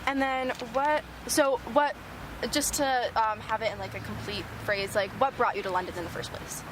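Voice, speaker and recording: Out on a busy city street with traffic noise behind her, a young woman interviews passersby. Her voice is fairly high and steady at a normal pace, but she asks hesitantly, full of fillers and restarts.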